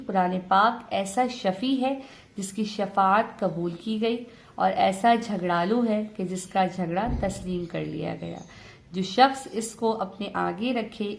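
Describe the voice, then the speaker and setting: A woman leads an online reading lesson at a middle pitch. She drills syllables one at a time, slowly and loudly, and explains the rules briskly in between. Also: creaky. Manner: spells syllables slowly and loudly, then talks quickly. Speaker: Quran reading teacher.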